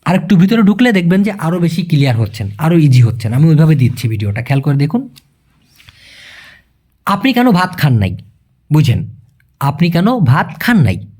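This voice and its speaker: A man with a slightly raised voice runs a relaxed spoken language lesson, talking to the viewer like a brother. He explains each sentence step by step and slows almost to a crawl whenever he spells out a new phrase. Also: a little high, slightly rough. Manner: addresses the listener as brother, chatty and colloquial. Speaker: language teacher.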